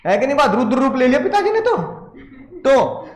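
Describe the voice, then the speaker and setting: A man's voice: extremely high pitch, big pitch swings, normal speed. An Indian man lecturing a class, telling a comic story and acting out voices along the way. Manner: playful, acts out voices in stories. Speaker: teacher. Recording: echoey classroom.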